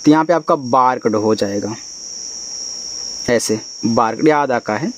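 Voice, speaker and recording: A man teaching an English reading lesson, spelling words out letter by letter and explaining them slowly. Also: mid-range voice, slight background noise. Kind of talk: spoken language lesson.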